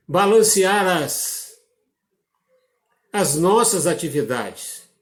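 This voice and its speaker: Brazilian male pastor, slow deliberate sermon delivery, slightly high voice, echoey church. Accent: Brazilian Portuguese. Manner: slow, measured preaching with dramatic drops in pitch. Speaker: preacher.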